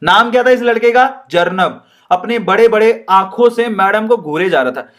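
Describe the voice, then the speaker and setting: A male chemistry teacher lectures in a playful, animated way and jokes as he teaches. His voice is fairly high for a man, and he slips English phrases into his talk. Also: normal speed. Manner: playful, jokey, laughs while teaching; animated, mixes Hindi and English. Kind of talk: classroom lecture.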